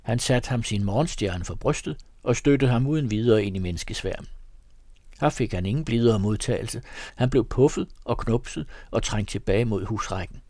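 A man's voice: mid-range voice, a little mellow, no room sound. Man reading an old tale, dry close sound. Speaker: reader. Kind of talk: storytelling reading.

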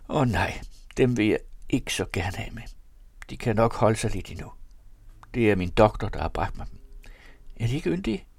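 A man's voice: lowish voice, expressive, vocal fry, long pauses, a little mellow, breathy edge, no room sound, voice pushed up, full character voice. A man reading aloud, voicing a frail, fickle bedridden wife in a raised, pleading tone. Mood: fretful.

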